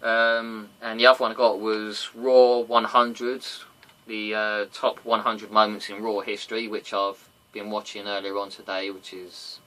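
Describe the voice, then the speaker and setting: A man's voice: lowish voice, little pitch movement, unhurried, sharp tone. A man hosting a casual wrestling review podcast, chatty and rambling, on a noisy home recording. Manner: chatty, rambling, breaks into silly sung impressions. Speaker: podcast host.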